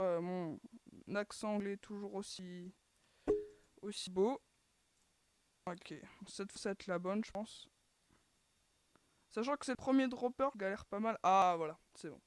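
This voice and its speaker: Female gaming host with a dry, close sound and middling pitch, talking casually and hesitantly while she plays. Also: clean tone, no room sound. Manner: chatty, filler-heavy, keeps sighing "too bad" at failed attempts. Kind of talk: casual gameplay commentary.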